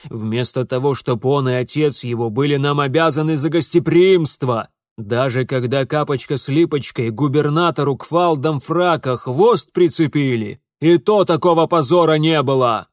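A man's voice: fairly high pitch, normal speed, few pauses, dry recording, clean studio sound, lightly acted. A man voicing a portly, enraged noble father who bellows and blusters in an audiobook. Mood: furious. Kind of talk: audiobook character voice.

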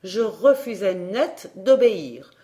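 A woman narrating a classic tale as an audiobook, in a measured, expressive storytelling manner. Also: mid-range voice.

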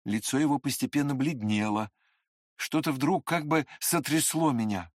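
A reader narrating a classic novel in expressive, scripted audiobook style. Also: mid-range voice, moderate pace, no echo, studio quality.

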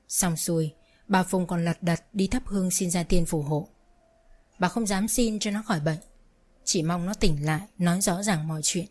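Woman story narrator, lowish voice, steady plain read.

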